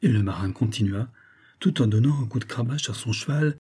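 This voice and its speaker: A male audiobook narrator reads a classic novel aloud in a measured, even storytelling manner. His voice is medium in pitch and slightly rough.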